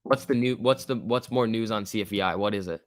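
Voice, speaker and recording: A man's voice: fairly low pitch, a little fast, no room sound, studio quality. A man giving casual live market commentary as a stock trading streamer, reading out chat in slangy, repetitive bursts. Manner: informal slangy muttering to himself, repeats words.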